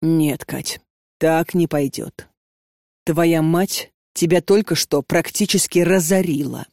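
A man's voice: fairly high pitch, slow pace, gravelly, darkish tone, no room sound, clean studio sound. A woman reading an audiobook and voicing a controlling, hot-tempered young man who speaks insistently. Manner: insistent, domineering.

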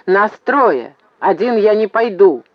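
A man voicing a stubborn, commanding young man in battle, who shouts urgently in a slightly muffled, dry recording. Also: fairly high pitch, normal speed, dry recording, lightly acted. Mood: shouting.

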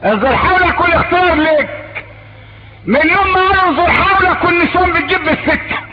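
Male Egyptian preacher, very high, quick delivery, animated, mocking; old muffled noisy tape. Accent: Egyptian Arabic. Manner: animated, mocking asides, acting out dialogue. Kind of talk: sermon. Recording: dull lo-fi tape with background noise.

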